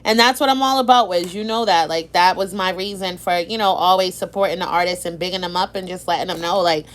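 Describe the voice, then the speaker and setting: A woman with a Boston accent, hosting a casual live-stream interview, chatty and animated, greeting viewers by name. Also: on the low side, fast. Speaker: interview host.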